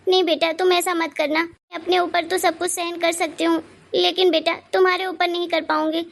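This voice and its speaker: A woman's voice: extremely high pitch, level tone, a little fast, creaky. A woman doing a meek, pleading older mother-in-law. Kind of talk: cartoon voice acting.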